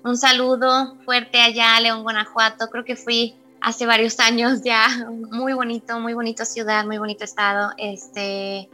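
Bright-voiced young woman giving encouragement. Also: fairly high pitch, little pitch movement, measured pace, faint music behind. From northern Mexico. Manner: encouraging, direct advice to listeners. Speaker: actress, interview guest. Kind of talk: casual video-call interview.

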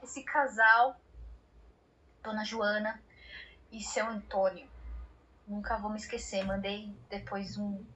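A woman, a cycle traveler telling a story as an interview guest, animated and often restarting her sentences. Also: medium pitch, takes it slowly, long pauses, a little hiss or hum, rough recording. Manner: animated, many restarts, acts out her own past words.

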